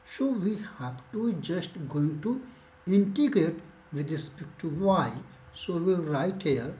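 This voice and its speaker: A man with a slightly high voice teaches maths one step at a time. He dictates notation slowly, piece by piece, in halting phrases. The recording is dull and muffled. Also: lively intonation, darkish tone, slight background noise. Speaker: mathematics teacher. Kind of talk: spoken step-by-step maths lesson. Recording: echoey room, dull muffled sound.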